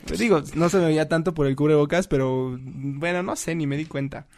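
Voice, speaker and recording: A man's voice: a little high, fairly quick. A young man with a Mexican accent telling a story in casual, slang-filled chat. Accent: Mexican Spanish. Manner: slangy, laughing, animated storyteller.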